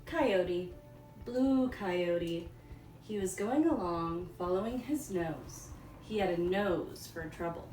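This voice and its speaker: A woman teacher reading a storybook aloud for young children, in simple, deliberate phrases. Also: on the low side, a little mellow, faint music behind. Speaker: elementary school teacher. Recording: echoey room, distant mic, faint noise.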